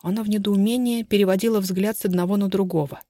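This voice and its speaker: Measured woman narrating a detective novel. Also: medium pitch, fairly even intonation, mellow, no echo, studio quality. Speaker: audiobook narrator.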